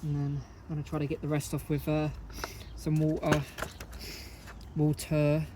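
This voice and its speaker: A man with an Essex accent narrates a how-to in a relaxed, rambling way, correcting himself as he goes. His delivery stays level with little rise or fall. Clear background noise from outdoors runs under the whole recording. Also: on the high side, quick pace. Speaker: motorcycle vlogger. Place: outdoors beside a parked motorcycle.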